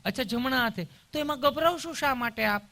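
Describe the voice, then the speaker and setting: A man voicing a sweetly polite female vaccination nurse who asks soft, overly gentle questions. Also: extremely high pitch, brisk, creaky, a little hiss or hum, pitched above the performer's own voice, full character voice.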